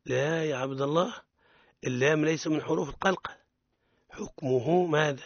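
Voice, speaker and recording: Tunisian sheikh teaching Quran recitation. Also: male voice, fairly high pitch, brisk, no room sound, dull audio. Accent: Tunisian Arabic. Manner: corrects pronunciation, models recitation for repetition. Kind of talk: radio recitation lesson.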